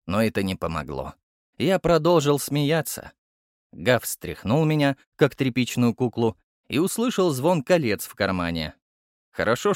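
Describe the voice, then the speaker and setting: A man narrating an audiobook in an expressive storytelling manner. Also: medium pitch, no room sound, clean studio sound. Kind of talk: scripted narration.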